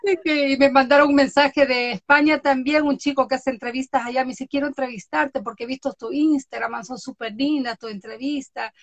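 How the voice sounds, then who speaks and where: A woman's voice: high voice, fairly quick, hardly any pauses, no echo, lo-fi sound. A woman who hosts online interviews, chatting casually and acting out quoted voices as she tells stories. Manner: animated storyteller, acts out quotes with laughs. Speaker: interviewer on social media. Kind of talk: casual conversation.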